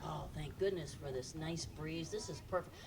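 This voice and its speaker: A woman's voice: sits low, moderate pace, creaky, a crowd in the background. A woman hosting a live children's music show, chatting and encouraging kids and parents from an outdoor stage. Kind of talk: live stage banter with a family audience. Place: outdoor evening concert stage. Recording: distant live stage sound with loud music. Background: loud live band music.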